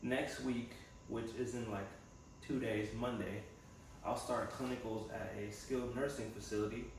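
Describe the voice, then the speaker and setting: In a relaxed, reflective personal vlog, a young man talks to the camera and thinks out loud; he's a vlogger and physical therapy assistant student. His voice is medium-pitched and full of gravelly fry, with fairly even intonation and a measured pace. The room echoes strongly, he's recorded at a distance, and faint noise is audible.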